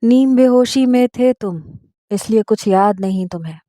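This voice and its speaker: A woman voicing a patient, fatherly old man who serves as a mosque imam, speaking slowly and soothingly. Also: a little high, no echo, clean studio sound, close to an everyday voice. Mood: coaxing. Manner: slow, soothing, gently persuasive.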